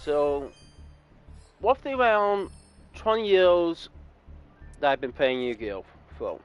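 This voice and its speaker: A man's voice: fairly high pitch, sing-song, slow, smooth, faint music behind. A man in his twenties from California giving casual, rambling gameplay commentary and correcting himself as he goes. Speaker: gaming YouTuber.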